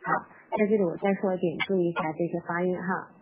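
A woman's voice: lowish voice, steady tone. Woman teaching over a tinny line. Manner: patient and instructive, repeats words slowly and spells out sounds; reads the rhyme aloud at slow, medium and fast speeds. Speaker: English teacher for parents and children. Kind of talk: live-streamed English pronunciation lesson. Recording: tinny phone-like sound with faint background noise.

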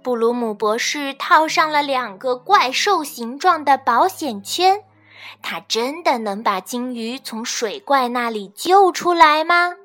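A woman reading a children's storybook aloud, expressive and measured. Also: high voice. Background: faint children's music.

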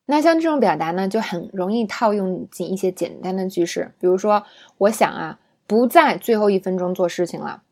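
A woman teaching an English lesson, breaking words down syllable by syllable and often checking in with her listeners through a quick tag question. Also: medium pitch, animated, darkish tone. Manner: patient, explains pronunciation syllable by syllable. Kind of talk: spoken language lesson.

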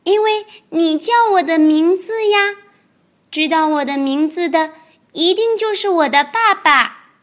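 A woman voicing a sweet, trusting baby ankylosaur in a squeaky, eager childlike voice. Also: unhurried, a bit bright.

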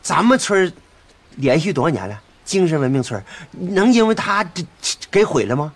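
An indignant Northeastern villager, stammering and husky, his voice high and rising and falling sharply. He sounds scandalized and keeps sputtering. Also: big pitch swings, a little fast. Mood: alarmed. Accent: Northeastern Mandarin. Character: agitated, righteous village man.

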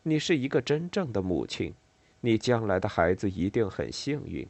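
A man voicing an anxious, brusque young mother, his voice pitched up high and strained. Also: very animated, normal speed, vocal fry, darkish tone, no echo, heavily acted. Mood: cool.

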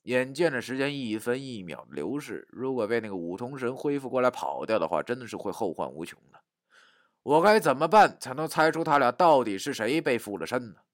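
A man narrating a first-person story, dramatic, dropping to a hush and rising to shouts. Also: mid-range voice, brisk, no room sound, clean studio sound. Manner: animated, dramatic, swings from hushed to shouting.

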